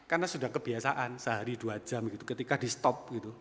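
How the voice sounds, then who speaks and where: A man's voice: medium pitch, fast talker. Guy in his 50s preaching, storytelling, long church echo. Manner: storytelling, swings from quiet asides to loud emphatic peaks. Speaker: pastor. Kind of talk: sermon. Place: church sanctuary.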